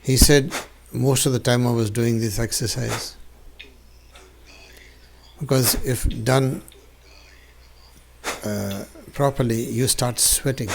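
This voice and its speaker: A man teaching yoga through spiritual instruction and personal anecdote, deliberate and emphatic, posing rhetorical questions. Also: medium pitch, fairly even intonation. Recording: clearly noisy recording with clicks.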